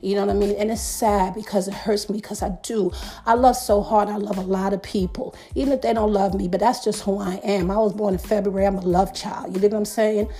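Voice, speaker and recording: A woman's voice: medium pitch, steady tone, brisk, dark tone, breathy edge, soft background music. A middle-aged woman hosting a podcast, ranting emphatically in profane street slang. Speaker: podcast host.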